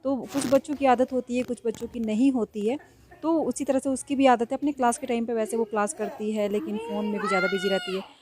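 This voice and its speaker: A woman chatting through a casual vlog in a village home, narrating with gentle laughs. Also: fairly high pitch, fast. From India. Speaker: vlogger.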